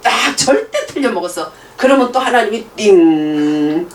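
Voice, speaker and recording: A woman's voice: mid-range voice, a little slow, slight background noise. A middle-aged woman preaching a sermon, telling stories and acting out both sides of conversations, laughing often. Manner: animated, acts out dialogue in different voices, laughs often. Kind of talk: sermon with storytelling. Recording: echoey room picked up from a distance.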